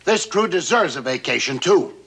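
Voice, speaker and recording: An actor playing a breezy, commanding American navy skipper in a sitcom, scheming and easygoing, with slangy speech. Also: male voice, on the high side, animated, normal speed, a bit bright, a little hiss or hum. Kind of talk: 1960s TV sitcom acting.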